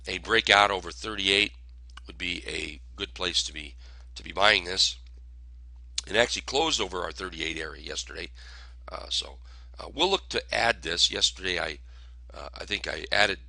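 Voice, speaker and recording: Hoarse man, low gravelly voice, dry close sound, casual trading talk. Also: sharp tone, dry recording. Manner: halting, filler-heavy delivery. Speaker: host. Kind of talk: casual market commentary.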